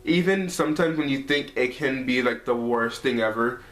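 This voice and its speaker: A man's voice: mid-range voice, normal speed. A man in his twenties telling a personal story to camera in a casual, heartfelt way, leaning on "like" and "you know.". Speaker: vlogger. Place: his apartment, indoors. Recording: echoey room, faint music behind.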